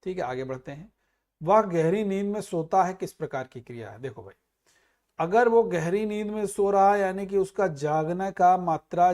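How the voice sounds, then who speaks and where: A man's voice: a little high, a little mellow. Man teaching a grammar exam class. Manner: explains with everyday examples, calls students "bhai". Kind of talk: exam prep grammar lesson.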